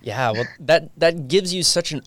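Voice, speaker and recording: A man's voice: fairly high pitch, expressive, normal speed, fairly bright tone, no room sound. A man hosting an interview podcast, upbeat and friendly, with some filler words. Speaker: podcast host.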